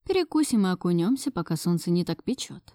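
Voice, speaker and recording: A woman's voice: big pitch swings, quick pace, mellow, dry recording, clean studio sound. Woman voicing a cocky murmuring young man. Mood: teasing. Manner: low murmuring, teasing.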